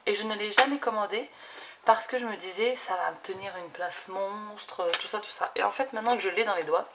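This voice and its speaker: Woman in her thirties, casual unboxing chat, enthusiastic, many fillers, steady background noise. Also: medium pitch, a little fast. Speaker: craft YouTuber. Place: home craft desk. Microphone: camera set low on desk.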